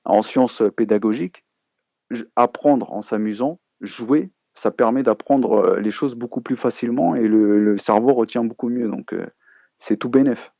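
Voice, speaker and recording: A man hosting a casual live chat, speaking hesitantly with many pauses and fillers, with a gravelly voice on a dull lo-fi recording. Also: mid-range voice, mellow, no room sound. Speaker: host.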